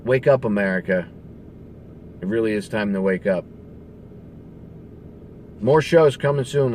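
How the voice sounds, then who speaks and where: Here a radio-host character delivers a loose, conversational political rant to camera, punctuated by the odd curse word. The man's voice runs on the low side and sounds a little mellow, with faint hiss or hum underneath.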